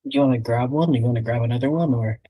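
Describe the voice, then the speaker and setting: A woman with a notably low voice co-hosts a live reaction stream. She teases and presses her points, often turning to address the chat directly. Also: fast talker, lo-fi sound. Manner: teasing, emphatic, talks to chat. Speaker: co-host.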